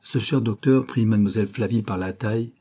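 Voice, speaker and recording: A man narrating a classic novel as an audiobook, in a measured, even storytelling voice. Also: fairly low pitch. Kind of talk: scripted literary narration.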